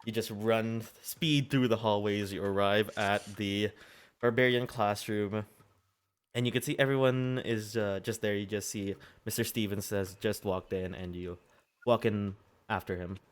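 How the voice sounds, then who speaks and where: A man working as game master, casually narrating a tabletop role-playing game in halting, improvised phrases. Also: fairly low pitch, steady tone, clean tone. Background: background music.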